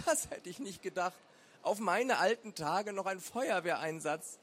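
A man doing an old woman with a falsetto voice. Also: expressive, unhurried. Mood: wry. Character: elderly woman neighbour, brisk and dry.

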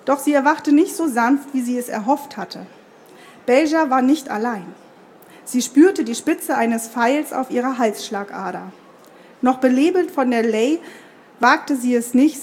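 Woman, author, live book reading, audience, occasional stumbles, self-corrections, slightly high voice. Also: darkish tone, slight background noise. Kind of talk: reading aloud from her novel.

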